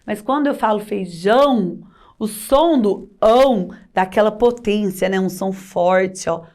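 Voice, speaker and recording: A woman teacher with a Brazilian Portuguese accent leads a children's video lesson, reading example sentences in a sing-song way and drawing out words slowly. Her voice is medium-pitched and a little mellow.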